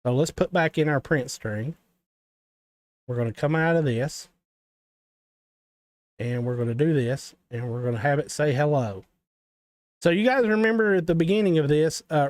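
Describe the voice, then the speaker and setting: A man's voice: on the high side, no room sound. A man with a Southern US accent hosting a casual game development tutorial stream, rambling and talking straight to his viewers with joking asides. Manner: rambling, talks to viewers, self-deprecating asides.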